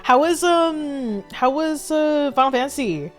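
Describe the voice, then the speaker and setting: A woman's voice: high-pitched, animated, unhurried, faint music behind. Bubbly, giggly young woman streamer. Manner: bubbly, giggly, chatty with viewers. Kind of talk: casual game-stream chat.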